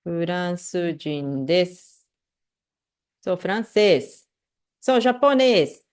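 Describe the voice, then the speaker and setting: A woman with a Brazilian Portuguese accent teaching an online language lesson, patiently repeating phrases slowly and checking in with the listener. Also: fairly low pitch, lively intonation, darkish tone, clean tone.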